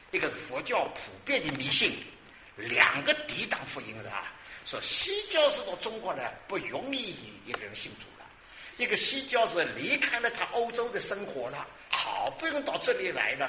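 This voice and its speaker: A man in his sixties preaching a sermon, lively and exclamatory, asking questions and answering them himself. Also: a little high, a little hiss or hum. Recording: roomy hall with faint ambience.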